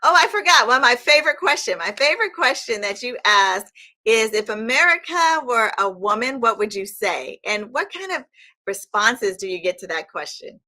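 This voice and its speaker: A woman in her fifties hosting a podcast interview, effusive and quick to laugh. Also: fairly high pitch, very animated. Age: 50s. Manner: warm, effusive, laughs often. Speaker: podcast host. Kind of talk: casual interview chat.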